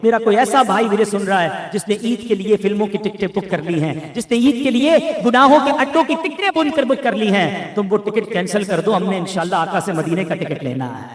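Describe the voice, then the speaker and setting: A man's voice: high voice, lively intonation, few pauses. A man giving an earnest religious talk, urging listeners and pressing emphatic questions. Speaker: preacher. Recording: echoey room, distant mic.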